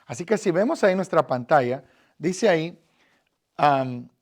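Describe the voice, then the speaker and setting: A man's voice: a little high, animated, a little slow. Earnest Guatemalan man teaching. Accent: Guatemalan Spanish. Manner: earnest, addresses listener directly, frequent fillers. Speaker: evangelism teacher. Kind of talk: Bible lesson.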